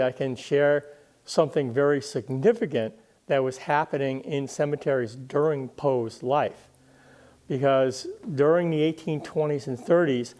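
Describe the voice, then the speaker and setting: Speaking as a guest historian, a man explains literature and history in deliberate, emphatic phrases broken by pauses. His voice has a medium pitch and a darkish tone.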